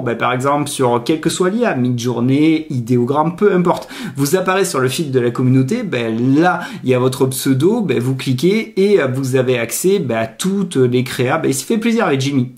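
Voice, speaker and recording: A man walks through a software tutorial in a loose, chatty way. His voice sits a little high for a man, and he fills gaps with small hesitations while his pace keeps shifting. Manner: chatty, filler-heavy, uneven pace. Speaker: tutorial host. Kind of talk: casual screen-recorded tutorial.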